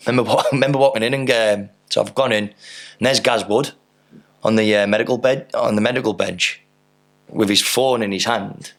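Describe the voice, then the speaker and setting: Gravelly, flat-voiced man. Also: on the low side, fairly quick. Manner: rambling anecdotes with fillers and mild swearing. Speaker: podcast guest, footballer. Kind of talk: casual interview storytelling.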